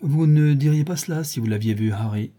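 A man's voice: a little high, fairly quick, mellow, voice pushed up, close to an everyday voice. A man voicing an earnest, lovestruck young dandy in an audiobook reading.

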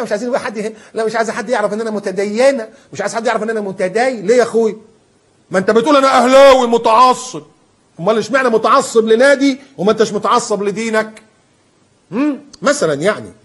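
A man preaching in a colloquial style with an Egyptian accent. He is animated and emphatic, and he acts out the people he quotes. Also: high voice, breathy edge. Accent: Egyptian Arabic. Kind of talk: colloquial sermon.

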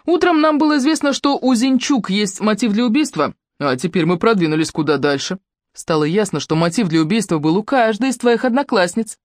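A woman's voice: medium pitch, animated, a little fast, a little mellow, no room sound, studio quality, voice pushed up, close to an everyday voice. A woman reading an audiobook voices a tired male detective who grumbles sarcastically. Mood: sarcastic.

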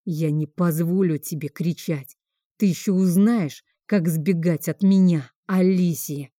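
A hoarse, drunken house master, wild with grief and quick to rage, as a woman reading an audiobook plays him. His voice sits low and mellow. The recording is close and dry. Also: no room sound. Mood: menacing. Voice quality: hoarse from drink. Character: grieving drunken male house master, volatile.

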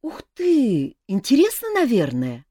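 An outspoken young woman, eager and frank, her pitch leaping up and down, as a woman reader plays her. The recording is close and entirely dry. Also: wildly swooping pitch, moderate pace, darkish tone, dry recording. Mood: lively. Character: blunt, lively young woman. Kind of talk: audiobook character voice.

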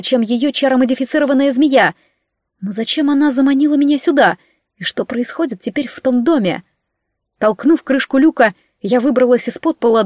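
A woman giving a lively, expressive first-person audiobook narration with dramatic delivery. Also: a little high, dry recording, studio quality. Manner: lively, dramatic reading with voiced characters.

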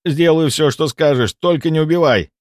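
A man's voice: on the high side, a little mellow, dry recording, studio quality, voice pushed up, lightly acted. A man voicing a cowardly male healer who pleads and whines for his life. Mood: begging. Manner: pleading, whining, fast-talking.

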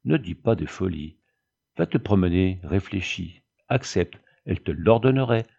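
A man reading as a firm, steady elder sister who speaks calmly and insistently. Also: low voice, moderate pace, creaky, breathy edge, full character voice. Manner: calm, insistent. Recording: dull lo-fi audiobook recording.

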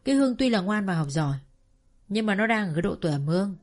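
Woman narrating a story over soft music. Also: medium pitch, lively intonation, fast. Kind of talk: first-person story narration.

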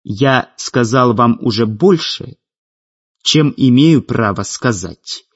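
A man voicing an old, tired, fatherly head mage who speaks melancholically, with a slightly husky voice. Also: mid-range voice, lively intonation, slow pace. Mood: melancholy. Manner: melancholy, gently guilty. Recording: dull lo-fi audiobook with faint music.

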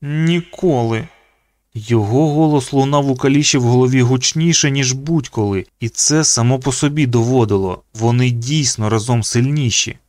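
A man narrating an audiobook in an expressive reading voice. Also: normal speed, hardly any pauses, dry recording, clean studio sound. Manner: reads expressively, pitching up for the children's quoted lines.

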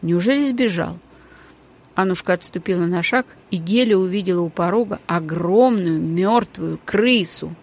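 A woman narrating a children's book audiobook in a calm, even storytelling manner. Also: lowish voice, moderate pace. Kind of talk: scripted narration.

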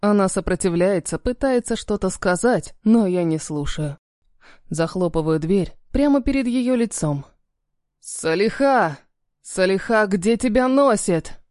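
A woman reading a novel aloud as narrator in an even, measured manner. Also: mid-range voice, dry recording, clean studio sound. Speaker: audiobook narrator. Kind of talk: scripted narration.

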